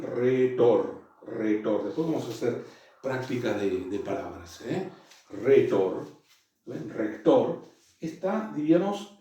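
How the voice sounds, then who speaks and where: A man's voice: mid-range voice, warm tone. A man teaching a Greek class in a hesitant way, full of fillers and restarts. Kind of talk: classroom lecture. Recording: echoey room, voice far from mic.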